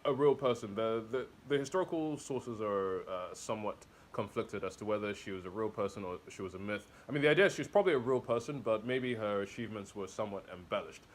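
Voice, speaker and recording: Hesitant low-voiced man, full of fillers. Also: expressive, quick pace, few pauses. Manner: hesitant, with many fillers and restarts. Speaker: interview guest, comic author. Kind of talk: casual interview talk.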